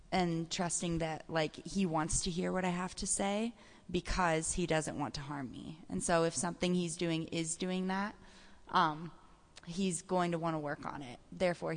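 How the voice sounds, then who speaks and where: A woman's voice: lowish voice, fairly even intonation, unhurried. A young woman talking casually and earnestly, with many hesitations and fillers. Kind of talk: casual conversation. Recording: long hall reverb.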